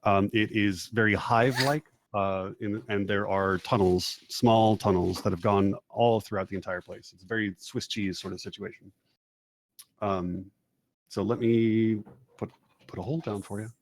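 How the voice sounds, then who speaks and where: Low-voiced man running a tabletop game. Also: normal speed, a little hiss or hum. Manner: joking, relaxed rulings. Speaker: game master.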